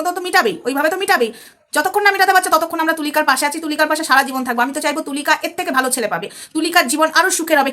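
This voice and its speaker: A woman's voice: high-pitched, sharp tone. A woman talking straight to her viewers in a heated commentary vlog, scolding and angry. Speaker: social media commentator.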